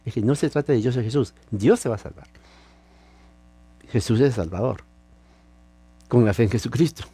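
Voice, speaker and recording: A male preacher delivers a sermon in a warm, mellow voice. The sound is dry and close, with no room echo. He teaches with emphasis and poses rhetorical questions to his listeners. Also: mid-range voice, moderate pace, breathy edge. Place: lives in California.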